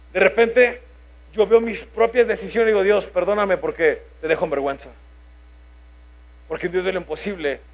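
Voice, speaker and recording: A man in his thirties with a Mexican Spanish accent, preaching a sermon, telling a personal story and acting out his own thoughts. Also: sits high. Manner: animated, acts out his own inner voice.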